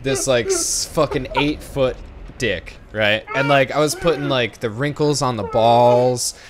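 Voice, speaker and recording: A young man streaming with friends, telling a story in animated casual chat, swearing freely. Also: medium pitch, unhurried, a crowd in the background.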